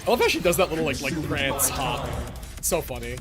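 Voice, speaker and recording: Over video game music and sound effects, a young adult streamer reacts to the action with slangy, exclamatory, laid-back commentary. The medium-pitched voice is animated and brisk.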